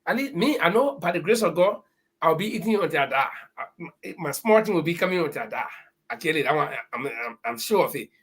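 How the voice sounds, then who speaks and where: A man's voice: on the high side, lively intonation, quick pace, a bit bright, breathy edge. A middle-aged man in a casual discussion, speaking with emphatic, preachy warnings.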